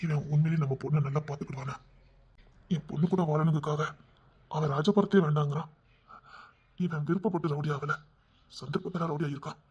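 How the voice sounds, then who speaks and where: A man plays an elderly father in an audio story, musing low and slowly with a Tirunelveli Tamil accent. He weighs his worries to himself. The recording is dull and lo-fi. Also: fairly even intonation, darkish tone, husky. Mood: worried.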